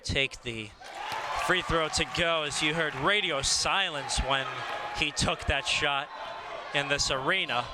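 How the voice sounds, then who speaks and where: A man's voice: on the high side, unhurried. A man doing live play-by-play for a basketball game, his calls rising on big plays. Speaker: play-by-play announcer. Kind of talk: live sports commentary. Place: basketball arena. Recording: noisy arena broadcast.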